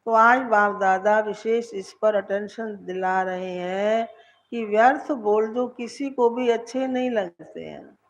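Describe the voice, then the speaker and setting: A woman's voice: mid-range voice, slow, lo-fi sound. A woman giving a devotional lecture as a spiritual teacher, repeating words for emphasis and asking her listeners questions.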